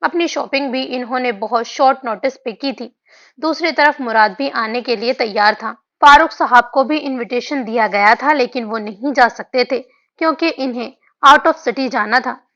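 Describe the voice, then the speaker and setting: A woman's voice: a little high, normal speed, pushed and bright. Woman narrating a romance audiobook. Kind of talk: reading a romance novel aloud. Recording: dull lo-fi audio.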